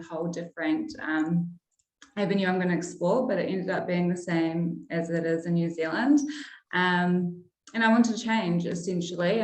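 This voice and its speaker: A young adult woman from Iraq, a pharmacist turned sales manager, talks through her work in a friendly, casual way, often pausing on ums. Her voice sits slightly low for a woman, and the room gives it a noticeable echo. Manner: friendly, chatty, frequent ums. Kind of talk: casual interview answers. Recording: roomy echo.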